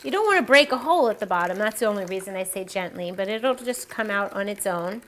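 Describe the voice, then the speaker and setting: A woman's voice: medium pitch, animated, quick pace, a bit bright. A woman hosting a cooking demonstration, chatting and explaining each step as she works. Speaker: cooking show host. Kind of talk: casual recipe demonstration.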